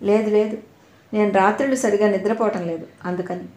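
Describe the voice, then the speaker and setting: A woman's voice: medium pitch, fairly even intonation, fairly quick, a little mellow, close to an everyday voice. A woman voicing a weak young woman who talks faintly and evasively. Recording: roomy echo.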